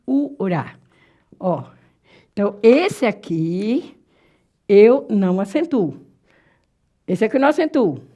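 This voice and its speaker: A Brazilian woman teaches a Portuguese grammar lesson for exam prep, slowly drawing out and repeating key words and asking herself rhetorical questions. Her voice is a little high with a darkish tone.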